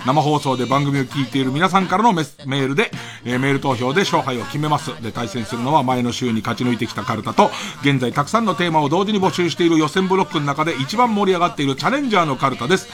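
A man's voice: a little high, expressive, racing, few pauses, over music. A middle-aged man hosting a late-night radio show, rambling through a monologue and laughing between remarks, close on a studio mic.

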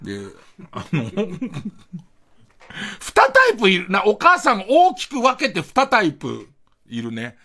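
Husky, animated middle-aged radio man. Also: sits high, measured pace, long pauses. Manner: rambling, self-mocking, chuckling asides. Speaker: radio host. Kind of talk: late-night radio monologue.

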